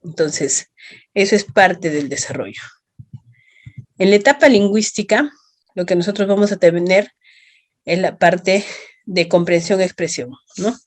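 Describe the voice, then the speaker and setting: Speaking a little slowly with frequent pauses, a woman with a lowish voice and a Peruvian accent teaches an online class. She explains each step for her students and checks comprehension with brief tag questions.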